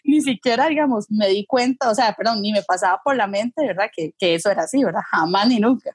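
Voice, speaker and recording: A woman's voice: medium pitch, a little fast, breathy edge, no echo. A woman with a Costa Rican accent, a guest chatting frankly and casually, often tagging her sentences with questions. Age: adult with a daughter. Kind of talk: casual conversation.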